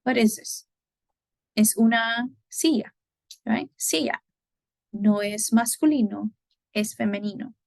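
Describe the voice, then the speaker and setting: A woman teaching Spanish grammar, giving example sentences slowly and checking in with "right?" as she goes. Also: fairly high pitch, vocal fry, no echo, rough recording. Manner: slow, careful model sentences, frequent "right?" checks. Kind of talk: explaining grammar.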